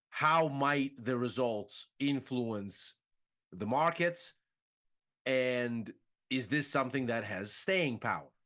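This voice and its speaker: Male analyst, unhurried and methodical, explains market expectations step by step. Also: mid-range voice, a bit bright. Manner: measured, methodical, rhetorical questions.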